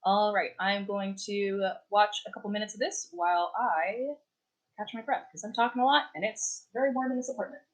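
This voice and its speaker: A young adult woman talks casually on a home live stream, rambling from thought to thought. Her speech is full of fillers, false starts and trailing asides. Her voice sits at a middling pitch for a woman. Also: normal speed, rough recording. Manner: chatty, rambling, many fillers and restarts. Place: warm apartment.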